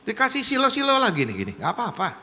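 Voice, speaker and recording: A man's voice: very high-pitched, wildly swooping pitch, fast, sharp tone. A man preaching a sermon to a congregation with emphatic calls for amens and applause, recorded in a church. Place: large church hall. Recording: church hall reverb.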